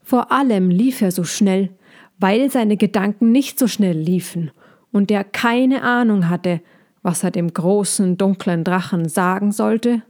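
A woman reading a children's bedtime story, her voice calm and steady at a medium pitch. She takes her time, letting each phrase land slowly and gently. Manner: calm and unhurried.

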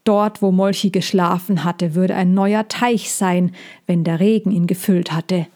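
A woman narrating a children's story in a measured reading voice. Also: fairly low pitch, steady tone, a little mellow.

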